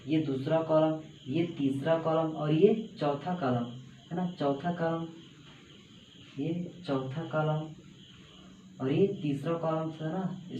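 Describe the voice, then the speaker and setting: A man's voice: a little high, dark tone. A man teaching a math lesson at a board, repeating steps and coaxing students along. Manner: repetitive, coaxing, says "bhai" and "hai na" often. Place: classroom with a small board. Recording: echoey room, slightly dull audio with faint background noise.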